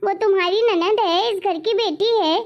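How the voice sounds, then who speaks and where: Brief: woman doing a high-voiced scolding mother-in-law, bossy and proud, family drama. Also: moderate pace. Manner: scolding, indignant.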